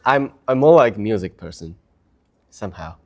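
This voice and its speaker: A native Japanese speaker from Japan, with a Japanese accent, chats casually and enthusiastically as a guest. His voice is lowish with lively intonation at a normal speed.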